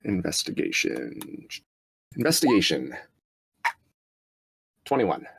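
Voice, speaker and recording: A man playing a tabletop game, speaking casually in a relaxed, hesitant, soft-spoken way. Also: deep voice, slow pace, creaky, slightly rough. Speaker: player.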